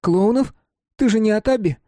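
Man doing a shrill hysterical shrieking man. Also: normal speed, dark tone, no room sound, studio quality, natural voice. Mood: giddy.

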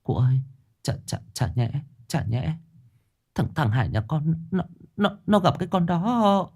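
A frantic middle-aged village mother, her voice pitched high and shrill, stammering and pleading over her son, as a male storyteller puts her on. Her tone leaps about wildly from line to line in this spoken ghost story. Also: big pitch swings, normal speed, a little mellow. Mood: stammering dread.

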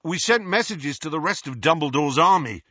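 A man's voice: fairly high pitch, expressive, normal speed, bright, forceful tone, breathy edge, no echo, dull audio, pitched above the performer's own voice, heavily acted. A man voicing a cheeky young man in an audiobook, breezy and offhand.

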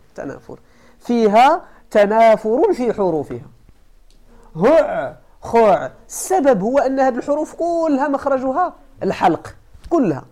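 Moroccan woman teacher, mellow tone, lively pitch, repeats points and quizzes the class. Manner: repeats points and asks the class rhetorical questions. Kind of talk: classroom lecture on classical texts.

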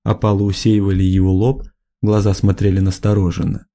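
A male audiobook narrator reads in a steady, measured style. His voice is low and dark, with a mellow tone. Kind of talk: scripted narration.

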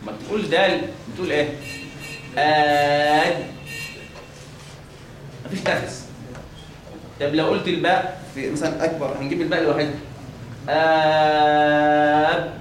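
An Egyptian man gives a religious lesson on pronunciation, often asking his class a question and then answering it himself. His voice sits a little high. He sounds far from the mic in a very echoey room with a faint hiss behind him. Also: racing. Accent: Egyptian Arabic. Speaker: teacher of Quran recitation rules.

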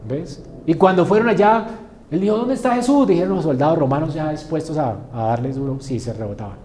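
A man preaching a sermon with passion, asking his listeners rhetorical questions, his voice swinging between quiet stretches and loud declarations. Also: on the high side, fairly quick, a little hiss or hum. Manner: impassioned, rising and falling dynamics, rhetorical questions. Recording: echoey room.

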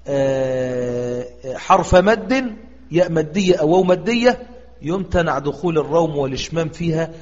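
A man with an Egyptian accent teaching a recitation lesson, quizzing his students and drawing out example words slowly. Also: a little high. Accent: Egyptian Arabic. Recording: echoey, dull lo-fi audio.

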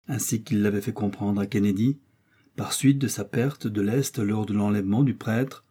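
A man narrating a classic novel as an audiobook, in a slow, expressive reading. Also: mid-range voice, slightly rough. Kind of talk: scripted narration.

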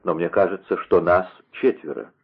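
A man reading a proud, hot-blooded young swordsman in a lowered, earnest voice, on a tinny radio-like line. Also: steady tone, normal speed, breathy edge. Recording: tinny phone-like radio sound.

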